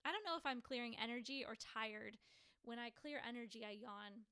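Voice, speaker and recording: A woman's voice: fairly high pitch, normal speed, pushed and bright, smooth. A woman in her forties, sleepy and yawning, telling a personal story in a rambling, chatty way as a healing coach. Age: 40s. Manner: rambling, chatty, many fillers.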